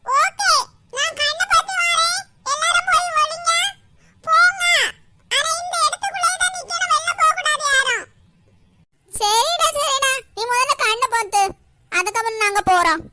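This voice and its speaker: Squabbling little village kids bicker through a game of hide-and-seek in a cartoon, as a woman voices them. The voices are piercingly high and sharp, bossy and shouting. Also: normal speed, exaggerated voice. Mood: excited. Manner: bossy, shrill, shouting the count. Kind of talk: cartoon voice acting.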